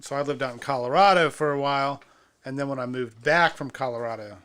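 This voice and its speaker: Relaxed man reminiscing with a friend. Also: medium pitch, brisk. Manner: brief agreeing interjections, relaxed recollection. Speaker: podcast co-host. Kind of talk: casual chat.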